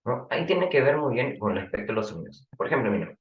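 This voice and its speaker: A man's voice: medium pitch, very animated, fast talker, reverberant, muffled recording. A man with a Peruvian accent teaching a language class, questioning his students and explaining with examples. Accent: Peruvian Spanish. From Peru. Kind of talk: online class lecture.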